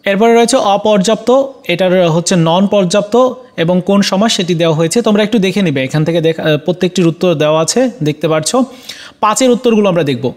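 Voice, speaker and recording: Male tutor, Bangladeshi Bengali accent, higher register, plain explanatory delivery with lots of "ah" fillers. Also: fairly quick, a little mellow. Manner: addresses students directly, frequent "ah" fillers and self-corrections. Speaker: teacher. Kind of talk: exam solution walkthrough.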